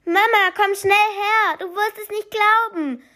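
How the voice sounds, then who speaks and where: A woman voicing a young boy in a storybook reading, with a high, squeaky child voice. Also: fairly even intonation, unhurried, vocal fry, exaggerated voice. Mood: excited. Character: young boy, timid then excited.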